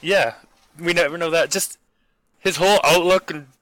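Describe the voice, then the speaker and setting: A man co-hosting a casual podcast, voicing his complaints in a halting, exasperated way full of restarts. His voice sits a little high and sounds dry and close to the mic. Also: fairly even intonation, fairly bright tone, no echo, low-quality recording. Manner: exasperated, halting, repeats himself. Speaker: podcast co-host. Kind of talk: casual chat.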